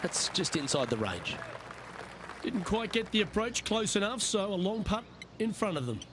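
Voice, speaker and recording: A man voicing a measured, appreciative golf commentator in a video game, calling play as the lead announcer. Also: high voice, big pitch swings, noisy background. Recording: game music and crowd behind the voice.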